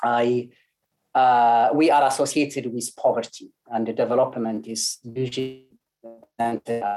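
A man's voice: mid-range voice, warm tone. A man from Ethiopia speaking as a lecturer on an online panel, hesitant with many fillers and restarts. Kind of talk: academic panel talk.

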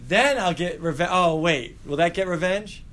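A man teaching a high school class, lively and directing students to act out a scene. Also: unhurried, noisy background.

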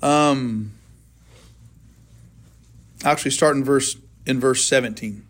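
A man's voice: mid-range voice, slow. A man, a pastor, leading a casual Bible study and firing questions at his group in a conversational way. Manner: conversational, asks and answers his own questions. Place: church classroom.

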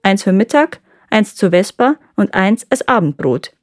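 A woman's voice: mid-range voice, very animated, moderate pace, no room sound, clean studio sound, lightly acted. A woman voicing a lazy, greedy peasant husband who whines and pleads in a storybook reading. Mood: sly. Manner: whining, pleading.

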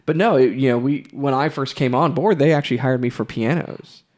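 A man hosting a casual podcast conversation, speaking in a thoughtful, measured way. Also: mid-range voice, a little mellow. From Texas. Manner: thoughtful, measured, occasional laughs. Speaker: podcast host, music store employee.

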